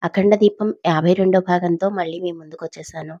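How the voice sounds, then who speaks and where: A woman's voice: on the low side, steady tone, fairly quick, mellow, no room sound, dull audio. A woman narrating a serialized family drama audio story and greeting her channel listeners in a friendly way.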